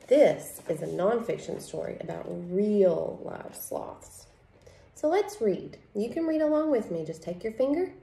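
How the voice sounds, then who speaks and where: A woman in her thirties leads a reading lesson for small children in an unhurried, mellow voice. She phrases things simply and deliberately and often puts questions to the listener. The room adds noticeable echo. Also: mid-range voice, gravelly. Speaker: kindergarten teacher. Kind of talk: reading lesson for young children, instructing and reading aloud. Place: indoors, home room at a table. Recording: echoey room.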